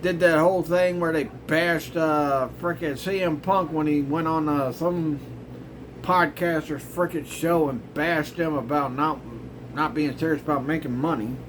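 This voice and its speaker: A man's voice: a little high, fairly even intonation, unhurried, noisy background. A middle-aged man hosting his own show, ranting in a grumbling, exasperated way with sarcastic asides. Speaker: host. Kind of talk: casual ranting commentary.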